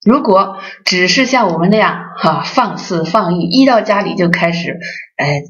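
讲故事生动的女法师. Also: female voice, on the low side, moderate pace. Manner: lively storytelling, acts out voices. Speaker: Buddhist association president teaching dharma. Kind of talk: dharma talk. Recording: dull lo-fi recording.

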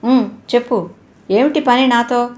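A woman voicing a short-tempered, blunt, wealthy middle-aged father in a storybook reading, speaking loudly and abruptly. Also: mid-range voice, moderate pace, natural voice. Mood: angry scolding. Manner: scolding, loud and abrupt.

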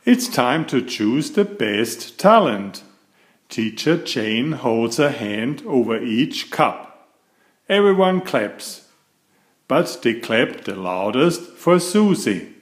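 Reading to a group of young children, this children's author goes through a picture book with a medium pitch, delivering it expressively and deliberately like a storyteller.

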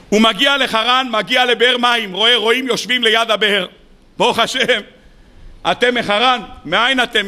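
Animated high-voiced rabbi preaching. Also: male voice. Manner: animated, rhetorical questions to the audience. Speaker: rabbi preaching on the weekly portion. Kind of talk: sermon.

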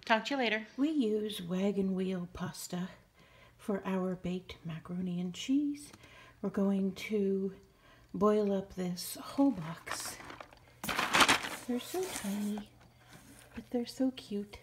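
A middle-aged woman films herself on a handheld phone cooking a family dinner, narrating chattily and homily as she moves through her kitchen and living room. Her medium-pitched voice is slow and darkish, with a little hiss or hum on the recording.

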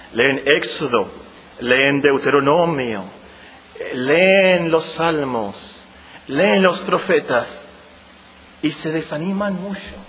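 Pastor, very high voice, emphatic repeating sermon; long hall reverb, faint hiss. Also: male voice, fairly bright tone. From Mexico. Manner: preaching with emphatic repetition, addressing the congregation directly.

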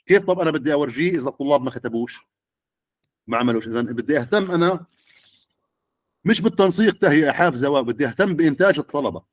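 A man's voice: on the high side, expressive, rapid-fire, pauses often, no room sound, clean studio sound. A middle-aged man, lecturing teachers and often checking with the audience. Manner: questioning the audience.

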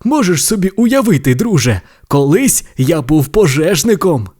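A cheerful tow truck who loves bragging about his heroics, put on by a male storyteller. The voice sits high and bounces all over. Each line comes out proud and self-satisfied, like an audio storybook character. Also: sing-song, a little slow, a little mellow. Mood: boastful. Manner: proud, boastful tall-tale teller.

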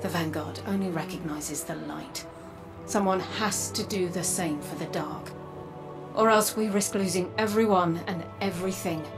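In this dramatic video game performance, a woman plays a guarded robot sister from a dark future, weary but resolute. She speaks in a natural, lowish voice, earnest and solemn at a measured pace, over the game's soundtrack music.

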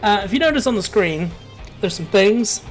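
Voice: mid-range voice, expressive, normal speed, soft background music. A gameplay commentator talking casually over a match, rambling and ranting with plenty of filler words. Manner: rambling, ranty, laid-back with filler words.

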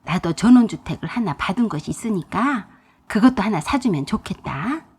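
A woman voicing a scheming, demanding older mother-in-law in a told story, speaking in a hushed, coaxing and scolding way. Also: medium pitch, lively intonation, normal speed, slightly rough.

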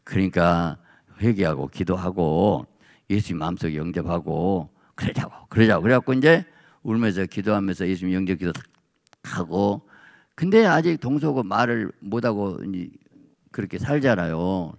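A man pastor giving a sermon in a church, telling a story with animated voices. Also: low voice, normal speed, vocal fry. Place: church sanctuary.

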